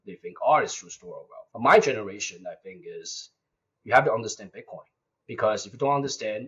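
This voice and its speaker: A young man from Taiwan, a guest in a casual interview, speaks earnestly, often repeating words and using non-native grammar. His voice is lowish but fairly bright, with a breathy edge, and the recording has a dull lo-fi sound.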